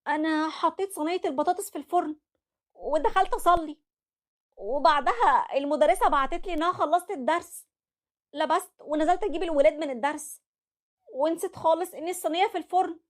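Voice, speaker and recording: A woman's voice: sits high, fast talker, pitched above the performer's own voice, natural voice. A woman with an Egyptian accent voicing a grieving, tearful young wife and mother. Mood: apologetic. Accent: Egyptian Arabic. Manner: pleading, tearful.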